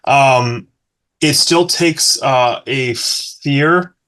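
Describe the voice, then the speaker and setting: A man in a middle register runs the table as game master. He narrates the fight quickly, stumbling over restarts and fillers as he goes. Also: mid-range voice, pushed and bright. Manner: fast, halting with many fillers and restarts.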